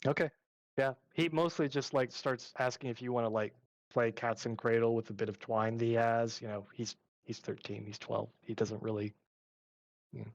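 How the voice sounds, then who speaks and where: A man's voice: medium pitch, steady tone, moderate pace, dry recording, dull audio. A man narrating a tabletop role-playing game as game master, in a casual way with many fillers.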